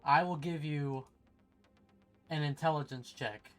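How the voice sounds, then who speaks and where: A man narrating a tabletop roleplaying game as game master, in a deliberate, suspenseful and theatrical way. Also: fairly high pitch, steady tone, a bit bright. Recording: music behind the voice.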